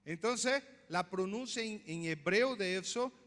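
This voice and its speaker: A man's voice: high-pitched, animated, measured pace, a bit bright. Guy pastor giving a sermon, lots of questions to the crowd, long reverb from the church hall. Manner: teaching, asks the congregation questions.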